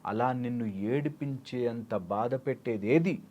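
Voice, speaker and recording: A man's voice: mid-range voice, unhurried, warm tone, highs cut off. Male life coach in an interview, advising through homely examples with English phrases mixed in. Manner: explains with everyday examples, mixing English phrases. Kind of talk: interview answers.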